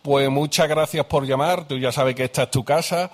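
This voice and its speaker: A man's voice: fairly high pitch, normal speed. A man hosting a live radio show, chatting casually and familiarly with callers. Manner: chatty, familiar, interjects "ajá" often. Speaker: radio host. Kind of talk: casual live call-in chat.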